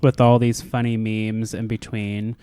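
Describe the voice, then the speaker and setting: Male podcast co-host, casual and campy, sassy slang, smooth tone, no room sound. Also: on the low side, level tone, unhurried, mellow, no echo. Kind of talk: casual chat.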